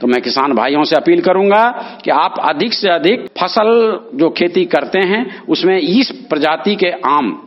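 A middle-aged farmer, earnestly answering interview questions and formally appealing to fellow farmers. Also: male voice, fairly high pitch, expressive, a little slow, hardly any pauses. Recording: muffled lo-fi audio.

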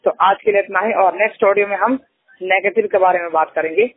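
A man's voice: sits high, fairly even intonation, fast, breathy edge. A man giving a spoken grammar lesson as an English teacher, explaining step by step and often checking in with "okay". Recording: tinny phone line, dry.

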